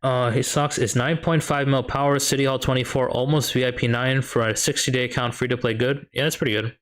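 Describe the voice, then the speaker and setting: His tone is steady and a bit bright, and he talks briskly, dropping loose fillers in a light Chicago lilt. The young American high school math teacher thinks aloud during a strategy-game live stream, fielding viewer questions casually.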